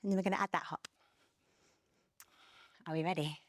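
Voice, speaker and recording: A woman's voice: lowish voice, steady tone, a little fast, dry recording, studio quality. A young adult woman leading a barre workout class, energetically counting reps and cueing moves while a little out of breath. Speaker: fitness instructor.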